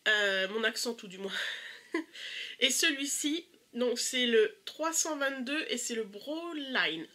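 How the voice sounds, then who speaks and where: A woman's voice: on the high side, expressive, slow pace, pushed and bright. A young woman with a stuffy nose, chatting casually and eagerly through a makeup haul with many hesitations. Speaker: beauty vlogger.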